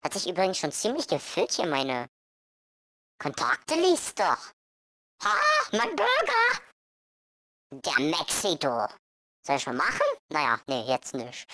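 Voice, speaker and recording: A man's voice: fairly high pitch, sharp tone, dry recording, pitched above the performer's own voice, exaggerated voice. A man talking through a voice-morphing headset filter, rambling giggly and silly to himself in let's play chat. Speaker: gamer.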